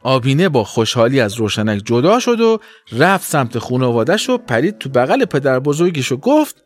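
A man narrating a children's story with an expressive storytelling voice. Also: medium pitch.

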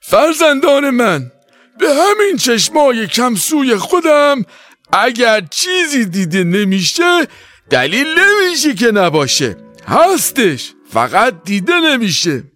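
A wise old grandfather fish from a storybook, talking in a very high, slow, swooping voice. He lays out his pompous speeches with lively rises and falls, over faint music. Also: full character voice. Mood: grandiose. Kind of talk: storybook character voice.

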